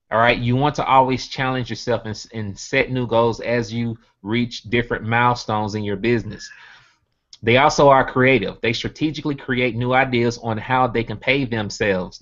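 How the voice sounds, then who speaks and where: Presenting on a video hangout through his computer mic, a Southern-accented man from Birmingham, Alabama, delivers a motivational business talk built on stacked rhetorical questions and repeated key points. His mid-range voice has a fairly bright tone, though the recording's highs are cut off.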